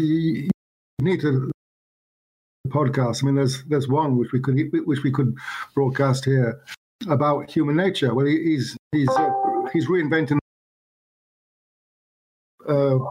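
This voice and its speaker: A man chairing a casual group discussion over an online call, talking haltingly and repeating words while his audio keeps breaking up and cutting out. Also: medium pitch, steady tone, warm tone, breathy edge, rough recording. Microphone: remote call connection.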